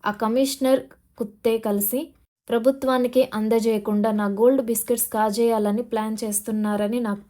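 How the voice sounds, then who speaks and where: A woman's voice: on the high side, warm tone, lightly acted. A woman narrator voicing a menacing male gold smuggler boss, taunting and demanding, in an audio novel.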